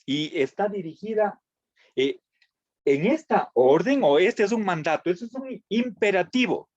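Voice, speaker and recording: Man, classroom lecture, halting restarts, frequent check-ins, muffled lo-fi sound. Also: sits high, animated, darkish tone, no echo. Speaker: philosophy teacher. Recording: dull lo-fi dry recording.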